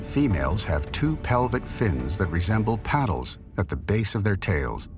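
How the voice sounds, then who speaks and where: A man narrates a nature documentary in a low register. His scripted delivery moves through a wide, animated range of pitch, with music playing clearly underneath. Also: moderate pace.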